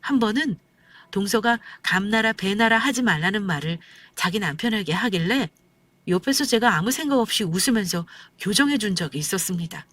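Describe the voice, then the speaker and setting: Calm woman narrating a story. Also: mid-range voice, brisk, dry recording. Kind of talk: scripted first-person story narration.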